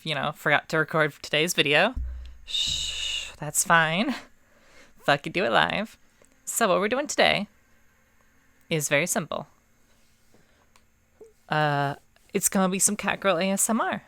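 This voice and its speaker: A woman's voice: lowish voice, animated, unhurried, creaky, pauses often, a bit bright, no echo. A woman talking to viewers in an offhand, self-deprecating, unscripted way, as a streamer and ASMR video maker. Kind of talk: casual, unscripted chat to viewers.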